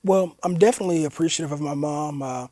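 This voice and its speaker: A man's voice: on the high side, quick pace, warm tone. A young man, a guest and university executive, speaking earnestly and reflectively in a casual interview, with frequent fillers and repeats.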